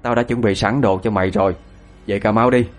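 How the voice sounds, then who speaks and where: A man's voice: lowish voice, steady tone, quick pace, faint music behind, natural voice. A man voicing a harsh older mother-in-law who scolds with contempt. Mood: scornful.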